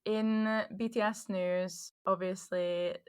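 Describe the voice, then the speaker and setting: A woman in her thirties hosting a podcast in casual chat, thinking aloud with relaxed fillers. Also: medium pitch, slow, smooth. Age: 30s. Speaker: podcast host.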